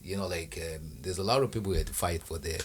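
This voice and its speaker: A man who grew up in Zimbabwe, a podcast guest, speaking in an animated, enthusiastic way. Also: low-pitched, noisy background. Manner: animated and enthusiastic, quick to agree. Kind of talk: casual podcast conversation.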